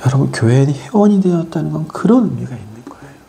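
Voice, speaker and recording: A preacher delivering a sermon, firing rhetorical questions at the congregation and swinging between loud exhortation and quiet asides. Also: mid-range voice, lively intonation, fast, vocal fry, slight background noise.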